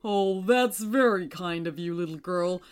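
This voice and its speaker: A gentle old moon man, speaking slowly and kindly, as a woman puts him on, with his voice a little lower than hers. He is a soft-spoken grandfatherly figure from a bedtime storybook. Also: clear, resonant tone, faint music behind, natural voice. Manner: gentle, slow, warm-hearted.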